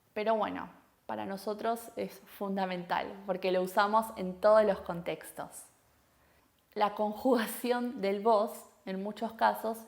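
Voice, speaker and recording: Argentine woman teaching Spanish. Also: on the high side. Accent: Rioplatense Argentine Spanish. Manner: clear explanatory delivery with many rhetorical checks like "¿sí?" and "¿no?". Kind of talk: language lesson to camera.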